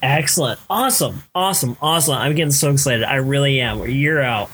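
A man hosting an interview, excitable and stumbling over his words. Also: mid-range voice, brisk, slight background noise, poor audio. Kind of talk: casual interview.

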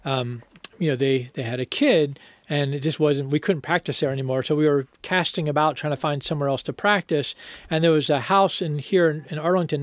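Middle-aged guy, kinda high voice, telling stories, laughing a lot, dry close sound. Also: no echo. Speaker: band member telling stories. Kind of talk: casual conversational storytelling.

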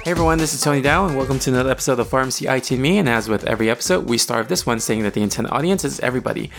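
A man's voice: mid-range voice, rapid-fire, gravelly, music in the background. A man hosting a podcast interview, talking in a friendly way with many fillers. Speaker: podcast host.

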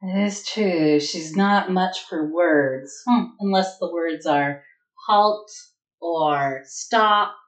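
A woman playing a tabletop role-playing game, narrating her character in a relaxed, amused way. Her voice sits on the lower side and she takes her time with it. The room gives it a clear echo. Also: slow pace, few pauses. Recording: echoey room.

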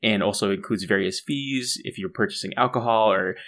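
A man co-hosts a casual explainer podcast, his voice sitting fairly low. He talks in a loose, chatty way, restarting sentences and adding asides as he walks through the facts. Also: a little fast, fairly bright tone. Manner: chatty, restarts and fillers, laughs at own jokes. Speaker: co-host.

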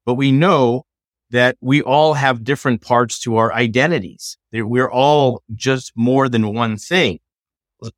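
A middle-aged man, a law professor, explaining ideas in a measured, lecturing way during a conversation. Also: mid-range voice, no echo, studio quality.

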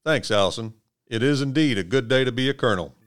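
A man's voice: medium pitch, animated, fast, faint music behind. Man hosting a college podcast. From Kentucky. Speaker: podcast host. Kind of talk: scripted podcast interview.

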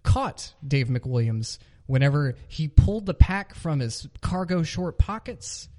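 A man's voice: fairly high pitch, animated, measured pace, darkish tone. A man hosting a comedy podcast, telling a made-up crime story in a mock-serious narrator's tone. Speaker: podcast host.

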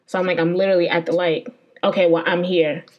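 A woman's voice: on the low side, level tone, quick pace, highs cut off, slight background noise. A woman hosting a podcast, telling a story in a rambling, profane, exasperated way. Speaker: podcast host. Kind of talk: casual storytelling.

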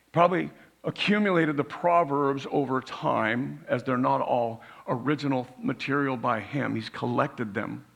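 A male pastor gives an informal sermon in a hoarse, gravelly voice that sits at an average pitch. He explains things plainly, tagging points with a questioning "right?", and the rasp of a failing voice runs through his delivery. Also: fairly bright tone. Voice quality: raspy.

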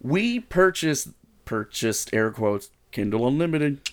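A man's voice: medium pitch, very animated, slow pace. A man co-hosting a comedy podcast, reading a silly story aloud with wry, sweary asides. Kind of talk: casual comedic read-aloud.

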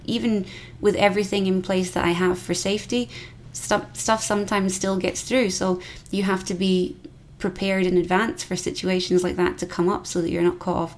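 A woman's voice: lowish voice, a little mellow. A woman from Scotland with a Scottish accent, a piercer chatting casually as a guest and using many fillers and restarts. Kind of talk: casual podcast conversation.

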